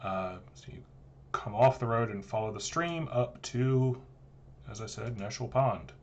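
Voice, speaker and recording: A man's voice: mid-range voice, measured pace, highs cut off, a little hiss or hum. A man running a tabletop role-playing game as game master, narrating scenes to players over voice chat.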